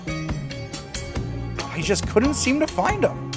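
High-voiced young man narrating a vlog. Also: wildly swooping pitch, drawn-out words, vocal fry, music in the background. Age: young adult. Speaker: vlog host. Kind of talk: vlog narration and casual chat.

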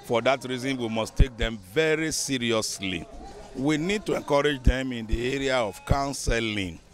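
A man's voice: medium pitch, moderate pace, faint music behind. A Nigerian man in his fifties, a bishop, speaking earnestly and measuredly in an outdoor news interview into a handheld microphone. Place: outdoors beside a building.

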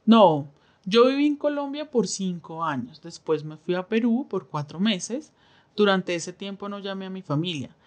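A woman interprets a signed interview aloud, speaking in the first person for the signer. Her voice sits at an ordinary middle pitch. She keeps a measured, steady pace with short pauses between phrases. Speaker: sign language voice interpreter.

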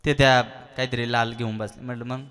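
A man's voice: medium pitch, little pitch movement, a little fast, fairly bright tone, pitched below the performer's own voice, natural voice. A man voicing the humble, devoted monkey god, telling his master in an earnest, pleading tone what he did, in a devotional storytelling sermon.

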